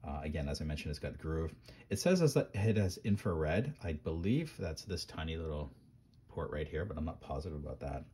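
A man's voice: extremely low pitch, animated, fairly quick, darkish tone, breathy edge. A man at his workbench casually showing microcontroller boards, rambling with lots of ums and restarts. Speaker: maker reviewing microcontrollers. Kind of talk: casual hands-on tech demo.

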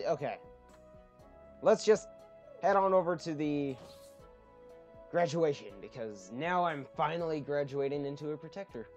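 A man's voice: a little high, darkish tone, dull audio. A man hosting a casual gameplay commentary, rambling along and chatting with frequent ums. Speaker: let's play host. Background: faint game music.

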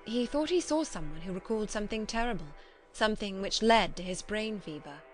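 A woman playing a polite, modest young married woman in a classic novel, with a demure and gentle manner. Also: medium pitch, animated, a little fast, soft background music, natural voice. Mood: modest, anxious.

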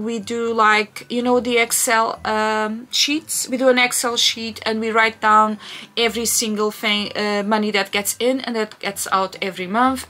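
This vlogger is a thirtyish woman from Portugal who speaks accented English, answering questions casually and often restarting or filling pauses. Her pitch sits fairly high, and she sounds bright and forceful.

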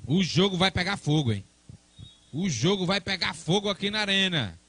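A man's voice: high-pitched, animated, moderate pace, fairly bright tone, no echo. A man calling a football match live in a chatty, colloquial way. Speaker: football play-by-play commentator.

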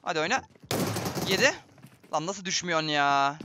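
A young man giving excitable, chatty live commentary on a shooter game to his viewers. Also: a little high, moderate pace, background noise. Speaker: gaming streamer. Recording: game gunfire behind voice.

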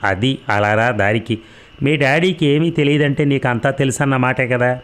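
A man's voice: mid-range voice, moderate pace, clean tone, close to an everyday voice. A man reading an audiobook, voicing a harsh male police interrogator who taunts and threatens. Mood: taunting.

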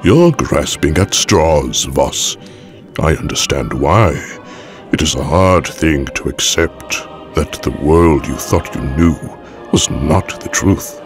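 An extremely deep, slow-spoken old aristocratic villain in an audio drama. He is formal, calm and manipulative, with silky menace, over background music. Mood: coaxing. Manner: measured, formal, silkily menacing. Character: evil elderly aristocratic Sith count, calmly manipulative villain.

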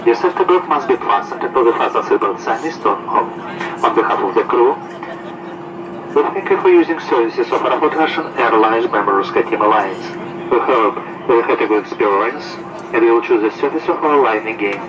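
Man giving a loudspeaker cabin announcement. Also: medium pitch, expressive, fairly quick, highs cut off. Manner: formal, read from a script. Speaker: flight crew member. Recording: distant loudspeaker in a noisy cabin.

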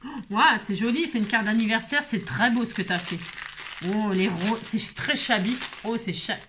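Woman chattering away while she opens her mail, kinda high voice, bit of hiss and crinkly paper behind. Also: moderate pace. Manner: chatty, exclaiming, jumps into high baby talk to her pet. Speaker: craft vlogger opening mail. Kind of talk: casual chat unboxing mail. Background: paper crinkling and clicks.

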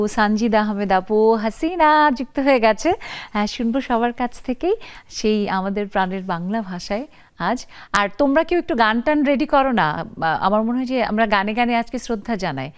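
Woman TV talk host, fairly high voice, welcoming tone toward callers and viewers. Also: animated, fairly quick, clean tone. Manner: warm, inviting, addresses viewers and callers. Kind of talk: live TV talk show hosting. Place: TV studio.

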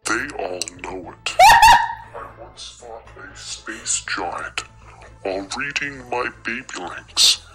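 A man's voice: animated, takes it slowly, music in the background, poor audio. Sludge, robot-voiced bragging alien, voiced by a man. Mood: boastful. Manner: grandiose, self-important boasting. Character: boastful pompous male alien seeking work. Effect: robotic, heavily bass-boosted voice.

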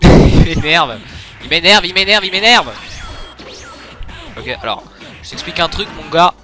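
A man's voice: fairly high pitch, expressive, measured pace, bright, forceful tone, faint music behind. A young man giving casual let's-play commentary, joking and trash-talking the game with crude humor. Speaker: gaming YouTuber.

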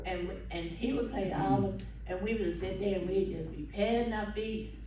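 An elderly woman in her 70s or older, with a Southern American accent from the southern United States, reminisces as a guest speaker at a local history talk, short of breath. Her medium-pitched, dark voice is folksy and unhurried, with pauses and acted-out quotes as she tells stories to a seated audience in a meeting room. A phone camera in the audience captures it from afar, so the sound is distant, echoey and noisy.

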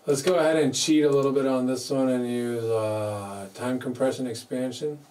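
A man's voice: mid-range voice, steady tone, normal speed, darkish tone. A man casually vlogging in his home studio, chatty and joking at his own expense. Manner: playful, chatty, jokes at himself. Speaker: music producer. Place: home recording studio with mixing desk. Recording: distant mic, faint background noise.

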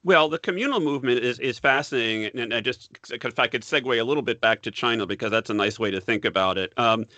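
A man, a professor being interviewed, explaining history in a measured way and repeating words as he thinks. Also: medium pitch, sharp tone, dry recording. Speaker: guest, political science professor. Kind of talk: academic interview.

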